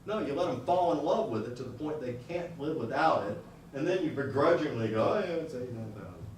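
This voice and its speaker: Recorded from afar in an echoey room with a little background noise, a male lecturer teaches a class on negotiating salary. His fairly high voice moves a little fast with lively intonation, and his style is blunt and chatty, full of questions for the students.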